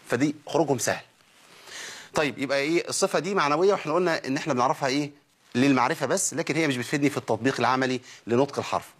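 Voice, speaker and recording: Fast husky Egyptian recitation teacher. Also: male voice, mid-range voice. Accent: Egyptian Arabic. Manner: poses questions and answers them himself, models sounds for repeating. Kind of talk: recorded tajweed lesson.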